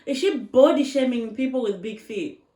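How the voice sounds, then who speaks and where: A woman's voice: a little high, lively intonation, moderate pace, warm tone, distant mic. Emphatic woman vlogger in a roomy echo. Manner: emphatic, repeats points, asks rhetorical questions. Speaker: vlogger reacting to online videos. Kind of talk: casual opinion commentary. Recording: roomy echo, voice a bit off-mic.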